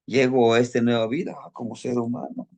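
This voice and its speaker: This man speaks at medium pitch with little movement, briskly, in a gravelly, darkish voice. Teaching a group about ancestral tradition, he acts out a student's story, calls his listeners brothers, and poses rhetorical questions.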